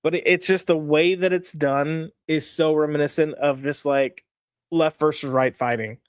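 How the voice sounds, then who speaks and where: A man's voice: on the high side, fairly even intonation, moderate pace, clear, resonant tone, no room sound, studio quality. A man co-hosting a casual comic review chat, frank and exasperated, rambling with fillers.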